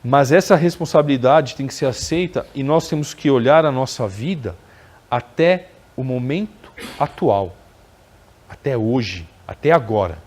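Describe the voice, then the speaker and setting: A man lectures at a spiritist center in an easy, conversational way. His pitch sits in the middle, and he keeps checking in with the audience through short tag questions. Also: animated, measured pace, darkish tone. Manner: conversational, frequent tag questions, acts out quoted dialogue.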